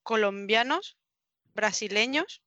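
Bright-voiced exasperated woman. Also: on the high side, expressive, slow, dry recording, highs cut off. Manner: exasperated, emphatic, swears casually. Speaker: podcast co-host. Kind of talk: casual chat.

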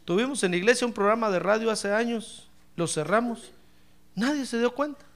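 A male pastor preaching a sermon, addressing the congregation directly and swinging from hushed asides to shouts. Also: high voice, a little fast, vocal fry. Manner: acts out quoted voices and addresses congregation directly.

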